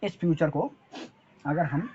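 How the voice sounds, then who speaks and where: A man's voice: fairly high pitch, measured pace, mellow, muffled recording, slight background noise. A male teacher with a Hindi accent giving an English lesson, spelling words letter by letter and asking and answering his own quiz questions. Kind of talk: spoken-English lesson at a board.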